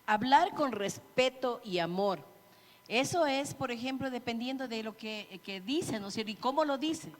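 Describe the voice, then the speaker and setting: A gentle Ecuadorian woman in her sixties explains marriage advice to a church group, patient and clear. Her voice runs a little high, and long church-hall reverb lingers behind it. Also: lively intonation, moderate pace. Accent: Ecuadorian Spanish. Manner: gentle and explanatory, acts out example phrases. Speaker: church couples-ministry speaker. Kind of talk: teaching at a church meeting.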